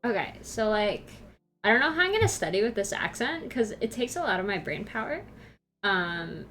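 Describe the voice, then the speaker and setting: A woman's voice: mid-range voice, a bit bright, slight background noise. A woman doing a bubbly Valley Girl. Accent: Valley Girl put-on accent. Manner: peppers talk with "like" and "totally". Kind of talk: streamer doing a viewer-redeemed voice bit.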